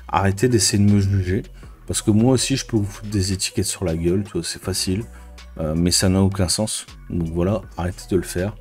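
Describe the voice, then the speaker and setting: A man's voice: low-pitched, darkish tone. A man ranting casually to camera as a vlogger, crude and exasperated, with constant fillers. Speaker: YouTuber and business coach.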